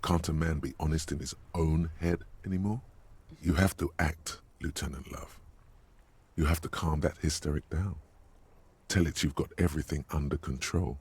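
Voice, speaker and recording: A very deep, husky male inner voice from a video game, smug and needling as it narrates the detective's every move. It sounds low and rough-edged throughout. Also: steady tone, moderate pace, a little mellow, heavily acted. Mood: sardonic. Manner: sardonic, needling.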